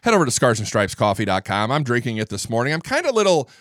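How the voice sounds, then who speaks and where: A middle-aged man hosts a political talk show from a studio, speaking at a medium pitch with big swings and a quick pace. His strong voice turns gravelly when he's tired, and today he's under the weather and low on energy, rambling and stammering through restarts. The studio mic gives a slightly bright, echo-free sound.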